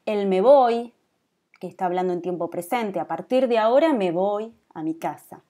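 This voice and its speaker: Mellow-voiced Rioplatense woman teaching. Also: mid-range voice, normal speed. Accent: Rioplatense Spanish. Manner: explanatory, checks in with students with frequent "¿sí?". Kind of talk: online class lecture.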